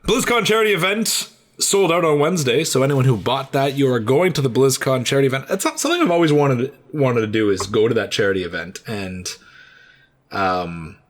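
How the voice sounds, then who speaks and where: A man's voice: mid-range voice, lively intonation, a little fast. A man hosting a podcast in casual chat, rambling a little with fillers and restarts. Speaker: podcast host.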